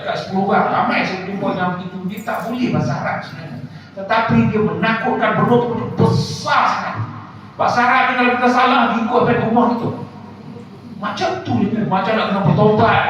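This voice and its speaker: A man with a Malaysian Malay accent teaching an Arabic class, animated and full of rhetorical questions. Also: high voice, slight background noise. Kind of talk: lecture to a class. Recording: echoey room, distant mic, dull lo-fi sound.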